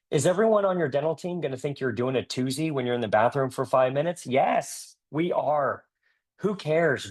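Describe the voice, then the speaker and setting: A dentist giving an energetic, joking motivational talk with emphatic delivery. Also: male voice, lowish voice, creaky. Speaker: dentist and speaker.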